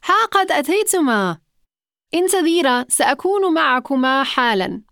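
A woman's voice: sits high, very animated, moderate pace, a bit bright, no echo, clean studio sound, voice pushed up, exaggerated voice. A woman voicing a cheerful, welcoming grandmother in a children's story.

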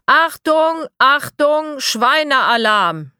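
A woman's voice: a little high, big pitch swings, no room sound, clean studio sound, pitched above the performer's own voice, exaggerated voice. A woman voicing a cheerful, reassuring grandmother in a children's audiobook. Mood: calling out. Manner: reassuring, brisk. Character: cheerful grandmother, calm and commanding.

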